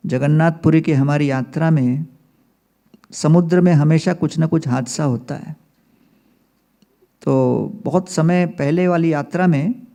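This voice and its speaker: Slow, gravelly-voiced male spiritual teacher. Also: a little high, dark tone. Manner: anecdotal, humorous, mixes in English phrases. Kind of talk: religious storytelling lecture.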